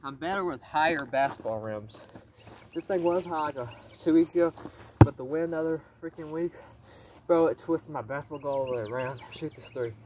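A man's voice: on the high side, fairly quick. A young man casually talking to the camera while shooting baskets on a windy backyard court, exclaiming now and then at his shots. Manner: chatty, exclaims at missed shots. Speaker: vlogger. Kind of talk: casual self-filmed commentary. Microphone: phone camera set at a distance. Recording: outdoor phone recording with wind noise. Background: wind.

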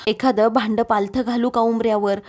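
A woman's voice: fairly high pitch, fairly even intonation, a little fast, darkish tone, close to an everyday voice. A woman narrator reading the lines of a fussy, bossy grandmother. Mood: nagging. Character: fussy grandmother bossing the household.

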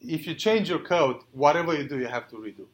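A man's voice: on the high side, animated. Man lecturing in an echoey hall. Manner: halting, many fillers, asks the class questions. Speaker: university lecturer. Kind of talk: classroom lecture.

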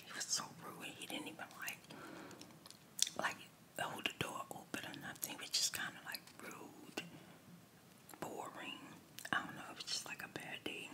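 A woman's voice: moderate pace, long pauses. A woman whispering a chatty story, ASMR style, while doing a word search at a table and addressing the listener as child. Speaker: ASMR creator.

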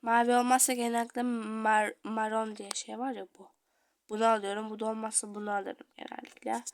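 A young woman chatting casually through her gameplay as a video creator, dramatic, drifting between murmurs and loud outbursts. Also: fairly high pitch, level tone, brisk.

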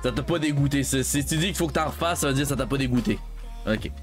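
A man's voice: mid-range voice, quick pace, faint music behind. A man with a Québécois accent chatting casually while streaming a game and telling a rambling story. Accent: Québécois French. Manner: rambling storyteller, lots of filler and restarts. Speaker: let's play streamer. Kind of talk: casual chat while gaming.

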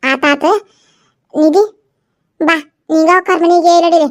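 A woman voicing a stern mother-in-law who gives brisk orders, with a North Karnataka Kannada accent. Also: extremely high pitch, fairly even intonation. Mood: ordering.

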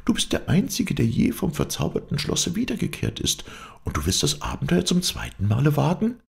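Give me a tearful princess that a male reader puts on, high-pitched and pleading. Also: wildly swooping pitch, a little fast, vocal fry, darkish tone, full character voice. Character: young princess, tearful and anxious.

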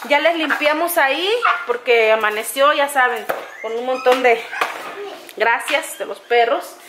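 A chatty mother with a Mexican Spanish accent and a fairly high voice, talking to the camera in her home kitchen. She coos over the puppies between remarks, and the handheld recording carries a clear layer of household noise. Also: unhurried. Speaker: family vlogger, mother. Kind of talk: casual vlog chat.

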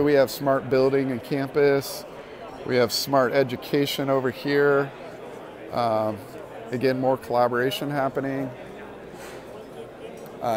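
A man giving a casual walk-through of an indoor convention expo floor, enthusing with lots of fillers as he films on a handheld phone. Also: mid-range voice. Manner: relaxed, filler-heavy enthusing. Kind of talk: casual walk-and-talk narration. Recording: crowd chatter from a busy hall.

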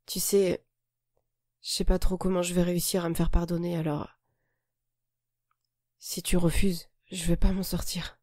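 A remorseful young man speaks haltingly, his voice strained and unsure, read by a woman. The tone is soft and mellow rather than bright. The audiobook is recorded dry and close, with no room sound. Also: lowish voice, flat delivery, no echo. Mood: awkward. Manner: hesitant, strained.

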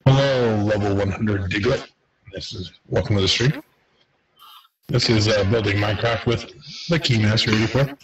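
Laid-back low-voiced man gaming. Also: moderate pace, highs cut off, soft background music. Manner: laid-back and matter-of-fact, with some slang. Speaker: streamer co-hosting a gaming series. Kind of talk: casual gameplay chat.

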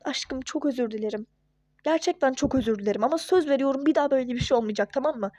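A woman voicing a young husband and father in a home-made toy-game role-play, who pleads apologies and gushes with excitement. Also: sits high, rapid-fire, no echo, clean studio sound, voice pushed down, close to an everyday voice. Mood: pleading.

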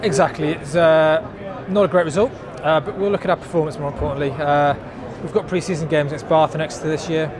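A man in his thirties, a rugby club captain, giving a post-match interview in a stadium stand, measured and thoughtful with many fillers. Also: a little high, steady tone, over music. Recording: outdoor stadium with crowd noise. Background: crowd murmur.

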